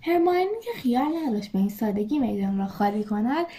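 A woman reading a storybook aloud with measured, expressive narration. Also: fairly high pitch. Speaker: reader.

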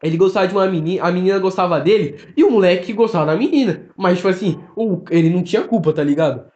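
A young man with a Brazilian accent, telling stories in fast, slangy casual podcast chat full of fillers. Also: sits high, darkish tone. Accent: Brazilian Portuguese. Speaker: podcast co-host. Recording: roomy, dull lo-fi sound.

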